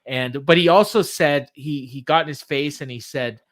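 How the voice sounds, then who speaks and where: A man casually recapping from memory as a podcast co-host, halting and backtracking as he paraphrases what was said. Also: a little high, a bit bright.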